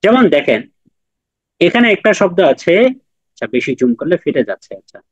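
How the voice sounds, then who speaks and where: A man's voice: a little high, sing-song, fairly quick, no room sound, lo-fi sound. A man teaching Quran recitation in an online class, patiently repeating and drilling letter sounds with his students.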